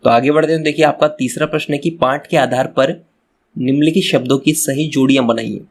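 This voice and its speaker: A man in the role of a schoolteacher, walking pupils through textbook questions one by one. He repeats key phrases and keeps turning to the children as he explains. His pitch sits in an ordinary middle range. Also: steady tone, brisk. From Madhya Pradesh, India. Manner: repeats phrases, addresses children directly, restarts words. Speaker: teacher. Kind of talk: exam answer walkthrough lesson.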